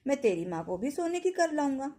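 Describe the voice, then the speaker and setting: A woman's voice: high voice, big pitch swings, brisk, mellow. A woman playing an earnest, dutiful son.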